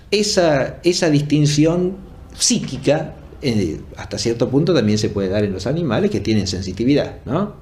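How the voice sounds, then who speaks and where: Lecturing on philosophy without a script, a man explains ideas in a deliberate way and frequently seeks agreement through brief tag questions. His voice sits in the mid range.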